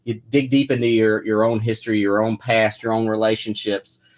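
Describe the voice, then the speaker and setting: A man's voice: on the low side, little pitch movement, moderate pace. A man who writes comics, answering viewer questions in a casual live chat, rambling with lots of fillers and restarts.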